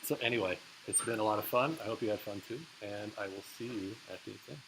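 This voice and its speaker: A man's voice: lowish voice, fast talker, vocal fry. Man, professor, lecture hall, chatty storyteller, hissy recording. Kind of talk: casual closing lecture story.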